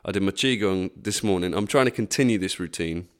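A wheezy, short-of-breath man talking casually and excitably on a solo podcast, rambling and swearing freely. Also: low voice, brisk. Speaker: podcast host.

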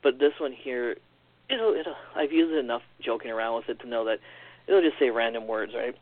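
A man telling a strange personal story in a casual, animated way, acting out what others said, on a phone-like recording. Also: mid-range voice, no echo. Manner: animated, quick storyteller acting out quoted lines. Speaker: podcast guest. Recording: tinny phone-like line.

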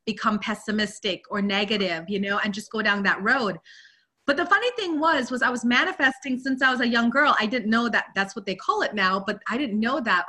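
A woman from Guyana speaks as a guest, recounting her life journey in a candid, open way. Her voice sits a little high and sounds bright and clear. She leans on casual fillers as she talks. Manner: candid, open storytelling with frequent "you know". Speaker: guest, spiritual teacher. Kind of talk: personal life story in an interview. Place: Virginia.

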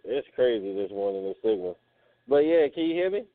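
A man's voice: lowish voice, big pitch swings, fairly quick, dry recording. A man co-hosting a casual sports podcast, his call audio choppy and breaking up. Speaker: podcast co-host. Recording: tinny dry phone-like call line.

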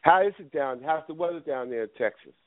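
Battling a cold, this call-in radio host thinks out loud in a casual, rambling way packed with fillers. He talks fast in an expressive voice on the high side, heard through a dry, tinny phone line.

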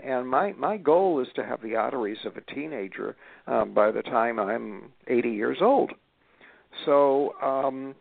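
Older man with a gravelly voice on a phone line. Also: mid-range voice, no room sound. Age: 70s. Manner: emphatic, repeats starts, many fillers. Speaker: guest author. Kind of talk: casual interview talk.

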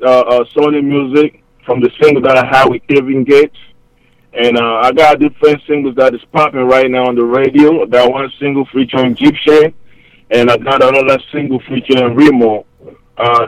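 The recording is rough and dry, carrying a medium-pitched male voice with a Cameroonian accent. He is a hip-hop musician in a casual remote interview, upbeat and rambling, talking in fast phrases loaded with fillers.

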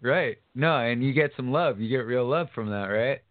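A man's voice: mid-range voice, normal speed, no echo. A man interviewing in a laid-back, informal, chatty way. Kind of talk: casual interview chat. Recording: tinny phone-line sound.

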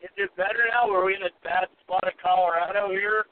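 A man's voice: sits high, steady tone, fairly quick, dry recording. A man calling in on speakerphone from a car, chatting casually and apologizing for the connection. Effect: speakerphone call from a car. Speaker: podcast guest calling in. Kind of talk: casual chat. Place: inside a rental car. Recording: tinny phone line with faint noise.

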